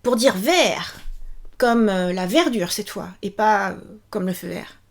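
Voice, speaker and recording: A cheerful young woman teaching a language video lesson, repeating each word slowly and clearly. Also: medium pitch, lively intonation.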